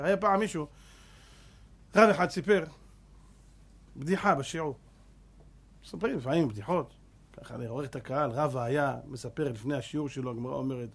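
A man teaching a religious lesson as a rabbi, telling anecdotes with lively swings between loud and hushed delivery. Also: mid-range voice, vocal fry, pauses often, husky. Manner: acts out characters in anecdotes. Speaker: rabbi teaching a Torah class.

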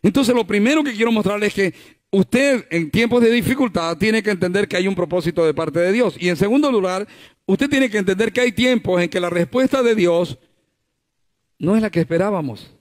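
A man's voice: sits high, animated, brisk. A male pastor preaching a sermon at a church service, conversational, full of rhetorical questions and acted-out quotes.

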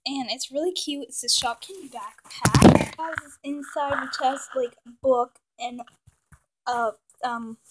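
Indoors at home near her dollhouse, a woman casually shows it off, chatting with lots of "like" fillers and sometimes dropping to a soft whisper. Her voice sits high at a measured pace, recorded on a handheld phone with heavy background noise.

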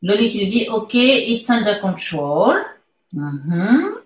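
A woman leads a live English lesson at an unhurried pace, stopping often to read her viewers' chat answers aloud and comment on them. Her voice is mid-pitched and carries a roomy echo. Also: very animated. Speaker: English teacher. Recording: echoey room sound.

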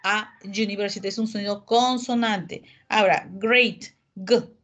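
On a video call, a patient woman English teacher runs an online class and calls on students, explaining things slowly. Her voice is mid-range, steady and a bit bright, and she mixes Spanish with English.

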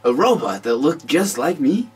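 A man's voice: fairly high pitch, big pitch swings, moderate pace, a little hiss or hum. A man co-playing a game, teasing and bantering in casual commentary. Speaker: co-player.

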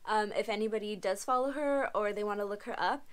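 Fast-talking and clear, this woman in her twenties has a resonant, mid-range voice as she fields viewer questions on webcam from a small bedroom. The casual Q&A vlog is chatty, peppered with "um" and "like" and frequent laughter.

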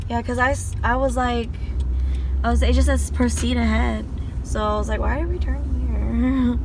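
A woman's voice: a little high, steady tone, moderate pace. A young adult woman chatting casually for a vlog in an exclamatory, informal way, recorded on a handheld phone. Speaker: vlogger. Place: car interior, later busy amusement park. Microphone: phone at arm's length. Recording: noisy handheld recording, loud music and crowd.

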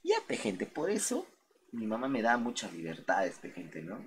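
A young man with a very deep, low voice, spinning loose, profane stories for his viewers in the middle of a late-night game stream. He rambles from one tangent to the next in heavy street slang, speaking straight to his chat. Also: huge pitch swings, normal speed, a little hiss or hum.

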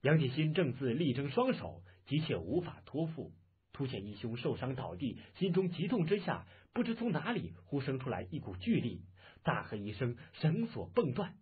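A man reading a martial-arts novel aloud as a dramatic, animated audiobook narrator. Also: medium pitch, moderate pace, breathy edge. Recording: muffled, phone-like lo-fi audio.

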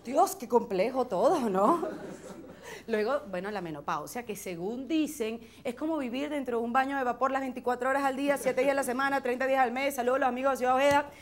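A woman with a Venezuelan accent performing a lively comic monologue on stage, exclaiming as she goes. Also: sits high, fast, background noise. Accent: Venezuelan Spanish. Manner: animated, exclaiming, slips into acted quotes. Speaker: stand-up comedian.

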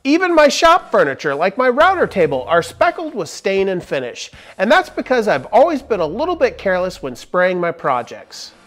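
A man's voice: sits high, huge pitch swings, normal speed, few pauses, fairly bright tone. A man in his forties hosting a casual woodworking tool review from a large barn workshop, talking into a lapel mic in an upbeat, jokey, explanatory way. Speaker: woodworking channel host.

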